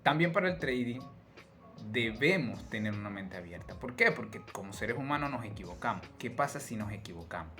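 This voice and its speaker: A man with a fairly low voice delivers an online trading lesson in a motivational tone. He keeps asking rhetorical questions and checking in with his listeners. Faint music plays underneath. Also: animated, brisk, fairly bright tone. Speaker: trading course instructor. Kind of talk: online course lecture.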